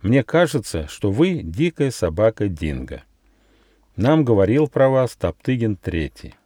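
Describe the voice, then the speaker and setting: A man's voice: lowish voice, big pitch swings, measured pace, no echo, clean studio sound. A man doing a kind, polite little gnome. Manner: courteous and gentle.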